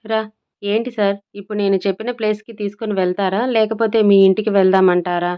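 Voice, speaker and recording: A woman's voice: mid-range voice, flat delivery, quick pace, clear, resonant tone, dull audio, natural voice. A woman voicing a sassy teasing young woman. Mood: bossy. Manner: mocking, teasing.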